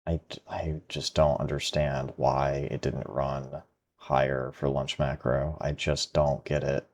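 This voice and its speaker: A man's voice: rumbling low, little pitch movement, unhurried, creaky, darkish tone. A tired man talking to himself while trading live, frustrated and muttering. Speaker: day trader.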